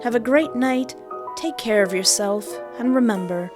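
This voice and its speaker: A woman's slightly high voice moves at a moderate pace over background music. She's a video host and visual novel streamer offering scripted commentary with comic asides, dramatically stressing single words.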